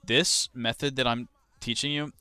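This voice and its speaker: Laid-back young man, crisp forceful voice. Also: mid-range voice, fairly even intonation, moderate pace, no room sound. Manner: swears freely, reads out chat questions. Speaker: livestreamer and crypto trader. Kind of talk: casual livestream chat.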